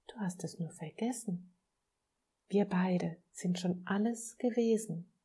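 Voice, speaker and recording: A kind, devoted soul from a storybook, voiced by a woman, tender and patient. She speaks slowly in a hushed, breathy voice with mellow warmth. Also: fairly low pitch, exaggerated voice. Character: kind, devoted soul who offers help.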